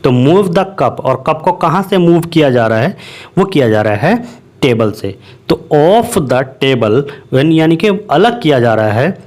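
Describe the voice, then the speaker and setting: Slow-spoken Indian man teaching English. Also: on the high side, sing-song, darkish tone. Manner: explains in Hindi, slowly spells out English example sentences. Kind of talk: spoken English lesson in Hindi.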